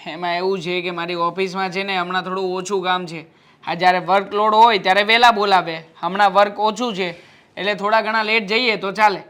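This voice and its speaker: A calm, placating husband. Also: male voice, high-pitched, a little fast, smooth. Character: patient husband caught between wife and mother.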